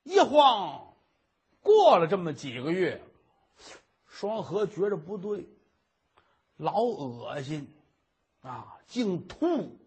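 Male storyteller, husky and animated. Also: sits high, slow pace, pauses often. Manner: animated, chatty. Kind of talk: traditional oral storytelling.

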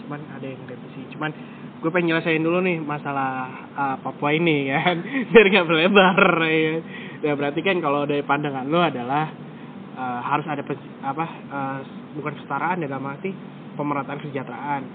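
A man with a slightly raised pitch, chatting casually and rambling, often stopping to search for words and correct himself. The sound is tinny and phone-like, with steady noise clearly audible behind him. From West Java. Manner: rambling, self-correcting, frequent fillers. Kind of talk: casual conversation.

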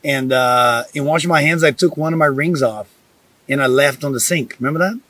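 A man's voice: medium pitch, fairly quick, a bit bright, dry recording, recorded from a distance. A man co-hosting a podcast, joking and bantering playfully in casual chat. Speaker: podcast co-host.

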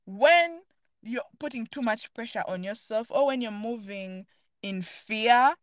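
A woman's voice: fairly high pitch, animated, a little slow, dry recording. A woman hosting a podcast, talking earnestly and thoughtfully in a casual, reflective chat while searching for her words. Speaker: podcast host.

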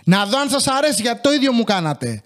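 A young man with a notably high-pitched voice rants through a casual comic monologue. He swears constantly and grumbles his way through his podcast stories. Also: sing-song. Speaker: podcast host.

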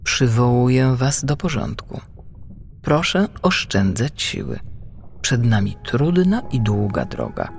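A man's voice: mid-range voice, big pitch swings, slow, vocal fry, full character voice. A man doing a strict, sensible whale mom. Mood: scolding. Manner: scolding, admonishing.

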